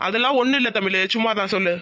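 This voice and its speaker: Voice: medium pitch, very fast, heavy background noise, close to an everyday voice. A performer voicing a troubled young village man in a cartoon, hesitant and then reassuring. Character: young village man torn between love and family. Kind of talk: cartoon voice acting.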